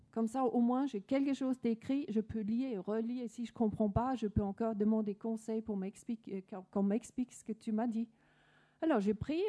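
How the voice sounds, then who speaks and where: A woman's voice: fairly high pitch, warm tone. A woman from Denmark with a Danish accent, earnestly telling her personal faith story with many restarts. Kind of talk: personal testimony.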